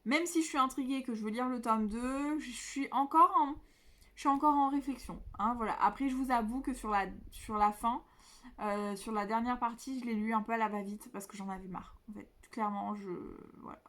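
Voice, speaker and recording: A woman's voice: fairly high pitch, normal speed, a bit bright. A young woman chatting casually about books she read, hesitant with many fillers and restarts. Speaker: book vlogger. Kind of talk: casual book review. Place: indoors at home by a window.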